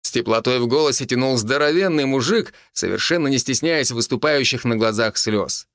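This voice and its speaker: A man narrating an audiobook in an even storytelling manner. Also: mid-range voice, brisk, dry recording, clean studio sound. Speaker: audiobook reader.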